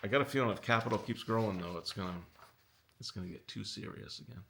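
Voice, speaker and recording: A middle-aged man hosting a casual commentary video, talking with animated exasperation that pushes his pitch up. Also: fast talker, vocal fry, slight background noise. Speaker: audio company owner and video host.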